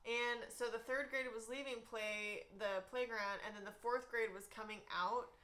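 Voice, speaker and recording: A woman's voice: on the high side, fairly even intonation, moderate pace, bright, forceful tone. A young woman from Texas hosting a youth ministry livestream from home, chatting casually and giggling as she tells stories.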